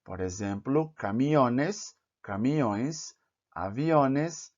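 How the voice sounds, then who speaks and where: A man teaching plural rules in a careful lesson, saying each example word slowly and clearly. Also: medium pitch, expressive, a little mellow. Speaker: Portuguese teacher. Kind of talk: slow, deliberate grammar lesson. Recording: dull, slightly lo-fi recording.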